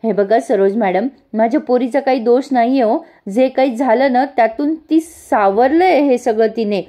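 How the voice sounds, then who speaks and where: Humble old dad begging for his daughter, raised pitch, woman reading it out. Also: normal speed, dark tone, close to an everyday voice. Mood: pleading. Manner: pleading, apologetic. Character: humble elderly village father, pleading.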